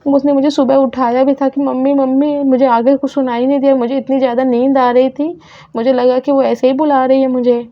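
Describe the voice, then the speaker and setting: A woman's voice: high-pitched, level tone, a little fast, natural voice. A woman voicing a worried young mother who pleads and sobs while searching for her missing daughter, in a doll story. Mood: anxious. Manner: pleading, tearful. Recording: dull lo-fi sound.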